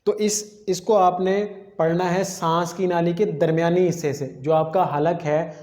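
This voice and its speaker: A man with a fairly high voice teaches the correct articulation of letters step by step. He repeats each sound slowly and checks that listeners follow. The room gives his voice a noticeable echo. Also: steady tone, a little mellow. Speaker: Quran pronunciation teacher. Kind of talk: patient step-by-step lesson.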